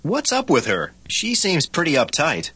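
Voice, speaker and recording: Guy acting out practice dialogues, pitch all over the place, kinda raspy. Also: unhurried, no echo. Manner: expressive, swooping line readings. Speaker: dialogue actor in a language lesson.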